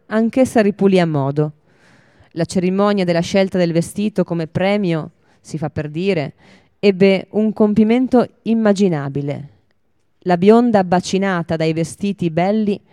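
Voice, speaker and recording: A woman reads a fairy tale aloud for a radio broadcast. Her reading is steady and measured, and her voice is mellow and smooth. The sound is close and dry. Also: medium pitch, no room sound. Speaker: storyteller.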